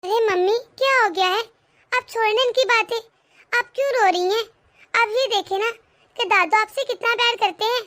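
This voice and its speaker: A woman's voice: very high voice, normal speed, fairly bright tone. A woman voicing a spirited young girl in a cartoon, speaking with hurt, outspoken indignation. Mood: pleading. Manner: pleading, indignant. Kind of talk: animated cartoon voice acting.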